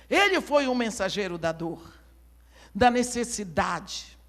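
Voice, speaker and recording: A woman preacher delivering an impassioned, dramatic storytelling sermon at a church service. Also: mid-range voice.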